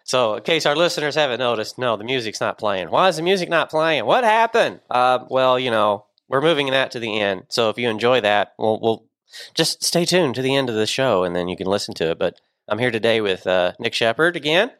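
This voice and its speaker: A man's voice: mid-range voice, fairly quick, no echo, clean studio sound. A man in his forties hosting a podcast, chatting casually and joking with his co-hosts. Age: 40s. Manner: animated, joking, puts on voices in asides. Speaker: podcast host. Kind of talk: casual chat.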